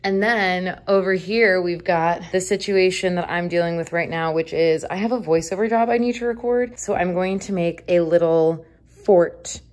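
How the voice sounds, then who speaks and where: A woman's voice: on the low side, normal speed, darkish tone. A young woman in her twenties vlogging casually from a small hotel room, talking into a phone held at arm's length, upbeat and chatty with lots of "like". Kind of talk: casual travel vlog.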